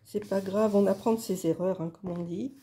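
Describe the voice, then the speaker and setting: A woman's voice: medium pitch, steady tone, moderate pace, mellow. A woman hosting a casual craft video, talking through her work in a chatty, hesitant way with many fillers. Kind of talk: casual craft tutorial talk.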